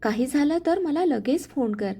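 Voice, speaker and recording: A woman voicing a kind, protective young husband in a spoken family story, talking calmly and gently. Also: high-pitched, normal speed. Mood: calm tender. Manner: calm, gentle.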